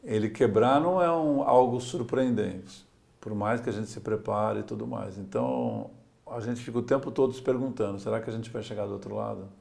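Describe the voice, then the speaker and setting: His voice is fairly low, a little mellow, with vocal fry, and he talks fairly quickly. He's a sailor and adventurer from Santos, Brazil, reminiscing in a relaxed interview, telling stories sprinkled with small laughs and "né?".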